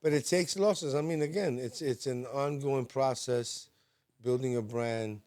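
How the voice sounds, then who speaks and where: A podcast co-host speaks casually in a studio at a measured pace and medium pitch, turning emphatic and animated when driving home a point.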